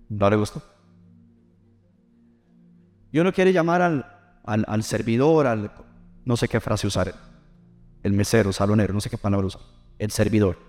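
A man's voice: mid-range voice, darkish tone. A middle-aged man, preaching a sermon and drawing call-and-response from the congregation. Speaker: pastor.

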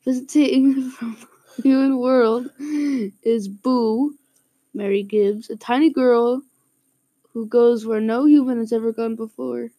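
A woman's voice: fairly high pitch, steady tone, a little fast, dry recording. A woman reading a plot summary in a mock Canadian accent, hammy and giggling through her lines.

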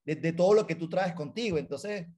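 Casual Venezuelan man, young adult, high-pitched voice, animated storyteller. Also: brisk. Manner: animated storyteller, acts out quoted lines. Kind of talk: casual chat.

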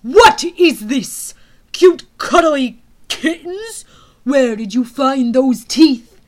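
A woman voicing a cold, scheming male villain general who speaks slowly and loudly. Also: lightly acted. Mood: furious. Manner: slow, booming, menacing delivery.

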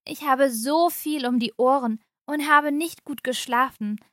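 Storybook role: woman reading a tired, strained young mother, speaking slowly and tightly. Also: sits high, dry recording, studio quality. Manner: strained, trying to stay calm. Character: stressed, harried young mother. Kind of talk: audiobook reading of a short story.

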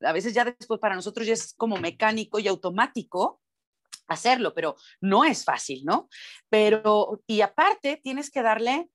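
A woman's voice: medium pitch, expressive, moderate pace. Mexican woman, earnest and emphatic. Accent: Mexican Spanish. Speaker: voice actor. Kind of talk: conversational interview.

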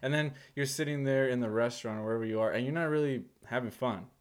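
A man's voice: mid-range voice, quick pace, smooth. A man in his thirties, a father and podcast co-host, in a casual chat, talking animatedly and laughing often as he acts out voices.

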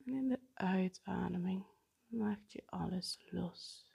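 A woman guiding a breathing meditation in a soft, partly whispered, unhurried way. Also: fairly low pitch, gravelly, breathy edge. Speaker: meditation guide.

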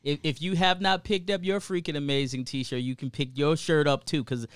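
A man's voice: a little high, fairly even intonation, moderate pace, smooth, no echo, clean studio sound. A man co-hosting a podcast in casual, enthusiastic chat, emphatic and repetitive, often checking in with "right?".

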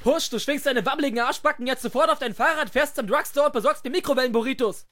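A woman's voice: sits high, fast, fairly bright tone. A woman voicing a whiny, lazy, rude man in a comedy dub parody, who is bossy and petulant.

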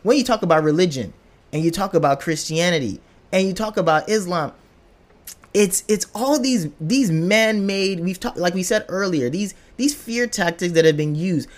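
A man's voice: high-pitched, expressive, normal speed. A man in a casual podcast conversation, speaking reflectively, searching for words and often affirming the other speaker.

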